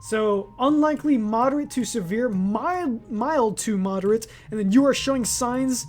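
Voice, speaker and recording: A young man who makes gaming videos reads a quiz aloud in casual chat, rambling, often correcting himself, and laughing at his own words. He's hiccuping throughout. His voice is very high and his pace normal.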